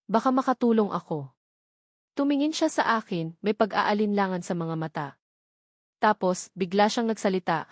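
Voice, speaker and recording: Woman narrator, close dry mic, measured emotional read of a first-person love story. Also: medium pitch, darkish tone, no room sound. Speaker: audiobook narrator.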